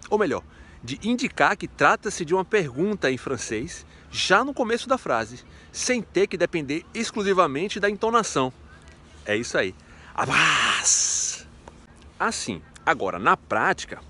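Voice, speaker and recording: A man's voice: sits high, sharp tone, a little hiss or hum. A man teaching a casual video lesson in a chatty, playful way, asking himself rhetorical questions. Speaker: French teacher.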